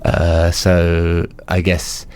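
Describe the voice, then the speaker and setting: A man's voice: deep voice, completely flat delivery, drawn-out words, a little mellow. A man being interviewed as a musician guest, talking casually and hesitantly with many fillers.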